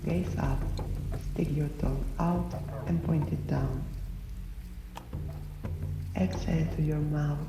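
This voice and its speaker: A woman narrating a scripted guided breathing exercise as an instructor, in measured, instructional phrases with short pauses. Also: deep voice, steady tone, creaky. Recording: roomy, distant voice under loud music. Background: loud music.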